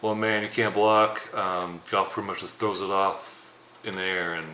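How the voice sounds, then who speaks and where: A man's voice: sits low, little pitch movement, sharp tone. Subdued young man in a roomy echo. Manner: subdued, halting, many fillers. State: downcast after a loss. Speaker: sports show co-host. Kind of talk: casual sports talk. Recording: roomy echo, faint background noise.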